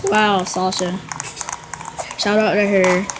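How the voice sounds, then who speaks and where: A woman giving chatty, excitable gameplay commentary, trash-talking other players as she goes. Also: mid-range voice, slow pace, background noise. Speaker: gamer.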